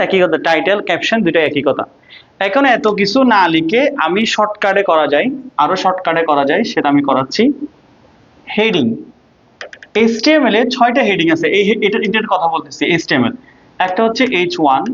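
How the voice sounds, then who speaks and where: High-voiced Bangladeshi teacher quizzing himself. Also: male voice, a bit bright, highs cut off. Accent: Bangladeshi Bengali. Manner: asks questions and answers them himself, repeats "ঠিক আছে?". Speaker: ICT teacher. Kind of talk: online lecture to students.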